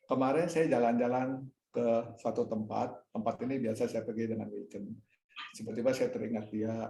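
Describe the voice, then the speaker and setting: A man talks to a church fellowship in a relaxed, preaching way. He tells a personal story and acts out each line of the dialogue himself. His voice carries some room echo. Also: mid-range voice, gravelly, slight background noise. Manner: addresses listeners as "Saudara". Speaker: speaker at a church fellowship meeting. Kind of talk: casual sermon-like talk answering questions.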